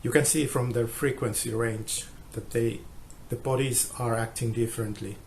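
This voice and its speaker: A man explaining a guitar measurement test, halting and restarting often, heard through a low-quality phone recording. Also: steady tone, a little mellow. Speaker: guitar tester.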